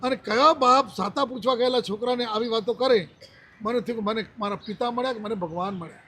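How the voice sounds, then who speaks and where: A man's voice: extremely high pitch, fairly quick, pushed and bright, a little hiss or hum. A man in his seventies, a monk giving a religious discourse, telling a personal story and acting out the dialogue he quotes. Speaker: Jain monk.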